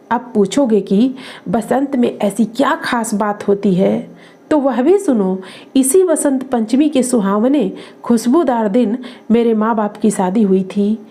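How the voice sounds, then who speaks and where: Woman reading a sharp-tongued young woman. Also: a little high, natural voice. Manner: tart, scolding.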